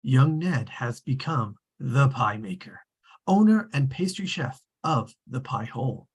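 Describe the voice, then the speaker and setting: At a table read, a performer voices a very husky narrator telling a storybook tale in a mid-range voice with lively intonation. The delivery is measured and formal, dryly precise, with an omniscient air and a wry mood.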